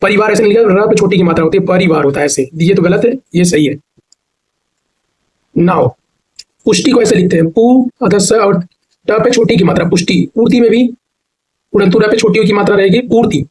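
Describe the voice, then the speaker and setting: High pitched guy running an online class, asks then answers, repeats everything, drags words out. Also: a little mellow, poor audio. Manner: repetitive drilling question-and-answer; stretches words to show spelling. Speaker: Hindi teacher. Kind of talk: online exam-prep lesson.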